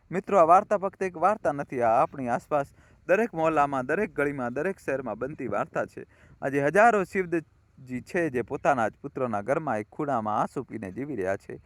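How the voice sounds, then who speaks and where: A man narrating a family story in a heartfelt, preaching manner, turning often to his listeners as friends. His voice sits at an ordinary pitch for a man. The recording is dry and close, with no room sound. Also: no room sound.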